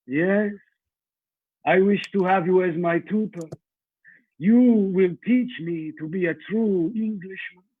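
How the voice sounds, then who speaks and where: An actor playing a courtly, menacing ancient vampire count in a radio play, speaking formally and ominously. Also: male voice, high voice, takes it slowly, breathy edge, no room sound, narrow, tinny audio, full character voice. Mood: commanding.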